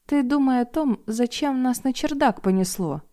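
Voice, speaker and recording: A woman voicing an indignant, sharp-tongued middle-aged woman who talks loudly and sarcastically. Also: high voice, animated, moderate pace, voice pushed up. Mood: wry. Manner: loud, exasperated and sarcastic.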